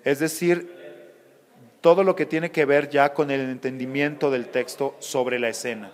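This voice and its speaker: A man explains phonetics like a patient teacher, giving example after example. His voice is mid-pitched, and the recording carries a long hall reverb. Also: fairly even intonation. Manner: didactic, measured, explains with examples. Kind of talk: explanatory interview answers.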